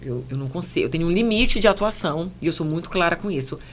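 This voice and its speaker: A woman journalist with a Paraense Brazilian accent, speaking as a podcast guest in a measured, emphatic, explanatory way. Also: on the low side, expressive, a little hiss or hum. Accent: Paraense Brazilian Portuguese. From Belém, Pará, Brazil. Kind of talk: podcast conversation.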